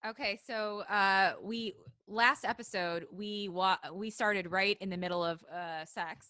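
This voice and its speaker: A woman co-hosts a casual, comedic podcast recorded remotely over a video call, giggling and hesitating a little, especially when recapping. Her medium-pitched voice is fairly even and a bit slow, with a bright, forceful, clear and resonant tone. The sound is clean studio quality with no echo.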